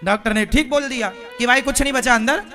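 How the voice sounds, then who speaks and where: High bright-voiced male preacher. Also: fairly quick, soft background music. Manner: folksy, asks the audience questions. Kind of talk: storytelling sermon.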